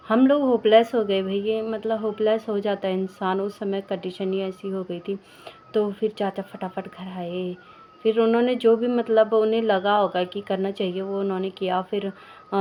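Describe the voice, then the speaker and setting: A woman's voice: mid-range voice, level tone, normal speed, highs cut off. A young woman vlogger talking casually to camera, rambling with many fillers and restarts as she retells a family story. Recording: faint background noise.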